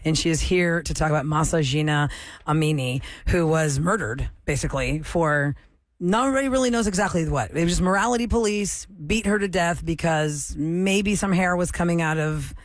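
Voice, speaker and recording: A man with a somewhat high voice hosts a radio interview. His delivery is conversational and agreeable, and the studio sound is dry and close. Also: moderate pace, no echo. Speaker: radio show host.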